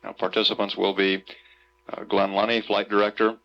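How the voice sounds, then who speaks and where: Flat, low-pitched American male announcer. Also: normal speed. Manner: formal, matter-of-fact, occasional hesitations. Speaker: mission control public affairs announcer. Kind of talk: official status announcement. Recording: dull lo-fi archival announcement.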